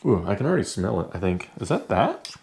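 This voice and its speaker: A man's voice: fairly low pitch, big pitch swings, fast talker, gravelly, darkish tone. A man casually chatting as he tastes new foods for a vlog, easygoing and talking while eating. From United States. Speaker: vlogger. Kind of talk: casual food-tasting chat.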